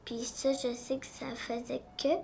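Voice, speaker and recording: A young girl answers questions about her reading, quiet and hesitant. Her voice is high and a little gravelly, and she speaks slowly. There is a faint hiss of background noise behind her. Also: level tone. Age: child. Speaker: pupil reading aloud. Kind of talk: reading assessment.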